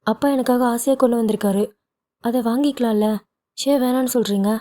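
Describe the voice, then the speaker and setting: A woman's voice: a little high, steady tone, fairly quick, warm tone, close to an everyday voice. A woman voicing a loving, emotional young wife who pleads and argues with feeling. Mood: pleading.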